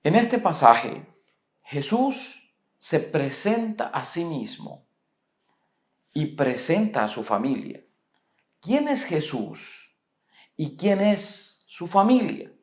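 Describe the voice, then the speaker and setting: Un pastor colombiano predica un sermón con acento colombiano, con calma, haciendo preguntas retóricas y leyendo las Escrituras en voz alta. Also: male voice, fairly high pitch. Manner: measured preaching with rhetorical questions, reads scripture aloud. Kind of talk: sermon. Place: church. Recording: echoey church hall.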